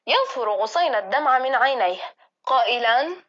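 A woman reading the narration of a school play in a plain, steady way. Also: on the high side, brisk, highs cut off, slight background noise.

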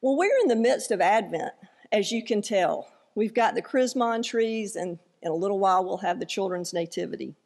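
A woman pastor delivering a sermon and scripture reading in a measured, earnest way. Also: mid-range voice, expressive, darkish tone. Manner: measured, earnest delivery with light self-deprecating asides. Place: church sanctuary. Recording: long hall reverb in a church.

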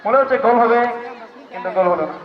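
A man commentating live on a football match, calling the ball in excited, repetitive short bursts. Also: high voice, rapid-fire. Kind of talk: live amateur play-by-play football commentary over a PA. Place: outdoor sports ground. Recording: echoey outdoor PA, distant, dull, crowd noise.

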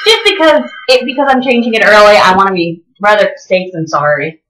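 Chatting and exclaiming to her viewers while working through a task, a vlogger in her twenties speaks fairly quickly with a mid-range, fairly bright voice and lively intonation. A tongue piercing slightly impedes her speech, and the sound echoes off the hard walls of a small room.

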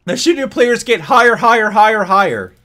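A man giving live gameplay commentary, ranting in an exasperated, profane way that swings between shouting and low muttering. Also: lively intonation, fairly quick. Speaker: gaming channel host.

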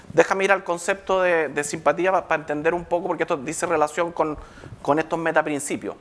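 A man's voice: a little high, fairly bright tone. A man giving a live public lecture, checking in with the audience through constant rhetorical questions.

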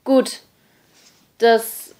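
Woman doing a gruff teen boss. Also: extremely slow. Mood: bossy. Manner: loud, barking orders. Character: gruff bossy teenage boy leader.

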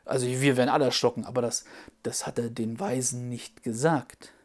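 A woman retelling a Bible story for children, patient and gently explaining, with playful hesitations. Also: rumbling low, steady tone, fairly quick.

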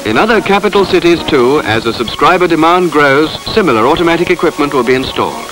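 A man reading formal, measured scripted narration for a 1950s documentary on an old film soundtrack. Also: on the high side, lively intonation, over loud music, rough recording.

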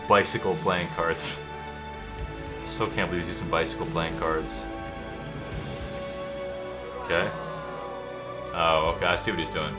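A man with a very low voice talking through a mock magic tutorial in a casual, offhand way. He sounds boastful and sure of himself, like a self-styled expert, with music playing clearly behind him. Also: flat delivery, moderate pace, long pauses. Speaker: YouTuber.

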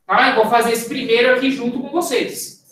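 A woman's voice: on the high side, fairly even intonation, a little fast, fairly bright tone. A woman fencing coach with a Brazilian Portuguese accent, patiently explaining technique and calling out drill commands in an online class. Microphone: camera mic, moving away at times. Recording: echoey room.

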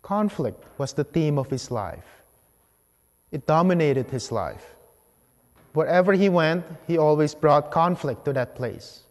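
At the ambo of a large church sanctuary, a priest delivers a homily in a fairly high-set, expressive voice. His measured, deliberate phrases are separated by pauses, and long reverb trails after each one.

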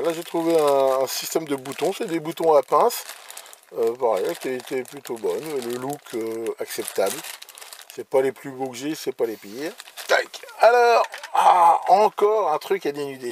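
A man's voice: on the high side, darkish tone, a little hiss or hum. A man casually presenting electronics gear he bought, hesitant, with many restarts and fillers. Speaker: electronics hobbyist presenting purchases. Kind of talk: casual show-and-tell.

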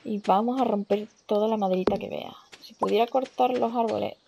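A woman's voice: medium pitch, fairly even intonation, fairly quick, vocal fry, heavy background noise. Chatty young Spanish woman gaming. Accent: Spain Spanish. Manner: chatty, swears casually, reacts aloud while playing. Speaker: gaming channel host. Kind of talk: casual let's-play commentary. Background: game music.

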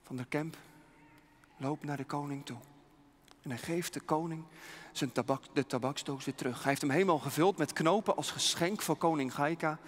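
A man's voice: fairly high pitch, normal speed, a little hiss or hum. A man freely telling a mission story to children, dramatic and suspenseful, with many rhetorical questions, heard with a long hall reverb.

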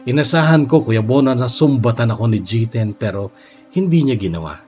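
A man reading a listener's letter aloud as a first-person story, steady and measured with emotional lifts. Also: mid-range voice. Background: soft background music.

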